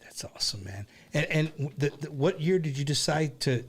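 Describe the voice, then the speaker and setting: A man's voice: fairly high pitch, expressive, moderate pace, breathy edge. A man hosting a casual, bantering interview, informally slipping Spanish slang into English and repeating words in bursts. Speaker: show host.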